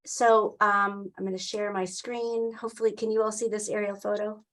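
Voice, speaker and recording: An older woman giving an informal, halting explanation as a staffer in a meeting over a video call. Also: mid-range voice, level tone, a bit bright. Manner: halting, explanatory, with frequent pauses mid-phrase. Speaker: town wetlands staffer running a public meeting. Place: indoor room, on a video call. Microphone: computer mic on a video call.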